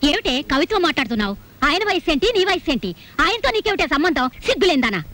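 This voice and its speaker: A woman's voice: high voice, very animated, fast talker, bright, forceful tone, full character voice. An actress playing a distraught middle-aged wife who accuses, then pleads tearfully for her husband. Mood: accusing. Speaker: actress in a film scene.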